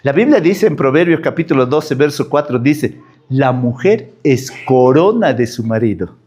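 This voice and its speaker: A man's voice: medium pitch, animated, moderate pace, a little mellow, a little hiss or hum. A man preaching a sermon as pastor, full of rhetorical questions.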